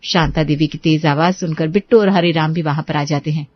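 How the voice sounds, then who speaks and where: A woman narrating a cartoon story in a calm, even, scripted way. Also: low-pitched, a little fast, no room sound, muffled recording.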